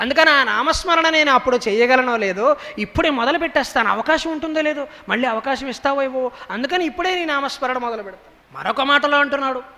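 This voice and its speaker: A young male orator with a very high, bright, forceful voice gives a devotional discourse. He moves between lively storytelling and slow, intoned verse chanting. His voice rings with the long reverb of a temple hall. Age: young adult. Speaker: spiritual orator. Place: temple hall during a public lecture.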